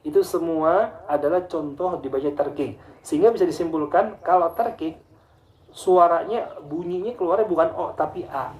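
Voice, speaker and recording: Patient Indonesian teacher in an echoey room. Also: male voice, fairly high pitch, darkish tone. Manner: patient, repeats and chants Quranic examples slowly. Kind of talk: tajwid lesson for students.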